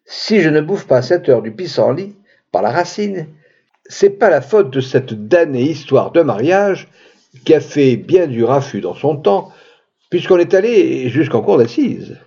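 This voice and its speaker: A man's voice: a little high, very animated, a little slow, dark tone, slightly rough, lo-fi sound, heavily acted. A man reading aloud and voicing a gloomy old sailor who tells his dreadful tale in a lugubrious, sinister way.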